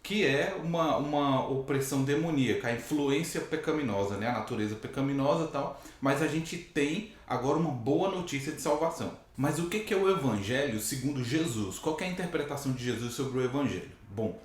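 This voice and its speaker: A hoarse man delivers a Bible teaching straight to the camera, speaking expressively, a little fast and with few pauses, at an ordinary middle pitch. He explains by repeatedly rephrasing his points and checks in with listeners by asking "né?". His voice rings through a very echoey room.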